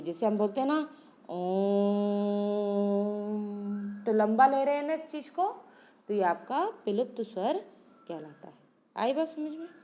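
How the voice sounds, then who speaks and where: A woman teacher giving an exam-prep lesson, asking her own questions and answering them, stretching out example sounds. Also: sits high. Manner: asks rhetorical questions and answers them herself; drawn-out, sung examples when calling out sounds.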